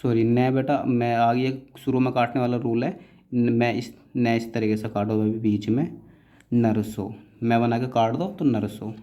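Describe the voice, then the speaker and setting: Slow, patient male shorthand teacher. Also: mid-range voice, flat delivery, warm tone. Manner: slow, patient, addresses students as "beta", spells out strokes syllable by syllable. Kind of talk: step-by-step shorthand lesson.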